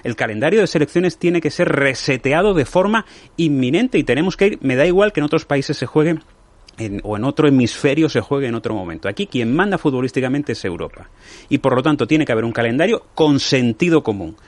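A man's voice: mid-range voice, lively intonation, brisk, no echo. A man arguing firmly as a football pundit on a radio talk show, laying out his points one by one. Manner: emphatic, lists points firmly. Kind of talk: heated sports debate. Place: radio studio.

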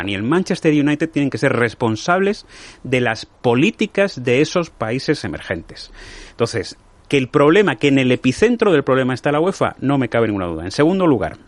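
Emphatic football pundit. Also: male voice, medium pitch, no echo. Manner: emphatic, lists points firmly. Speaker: radio pundit. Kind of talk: heated sports debate. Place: radio studio.

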